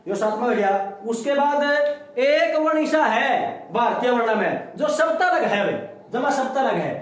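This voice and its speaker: Male teacher, very high voice, strongly echoing classroom, quizzes himself aloud. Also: expressive, a little slow. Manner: repeating sounds, asking and answering his own questions. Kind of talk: classroom lecture. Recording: very echoey room.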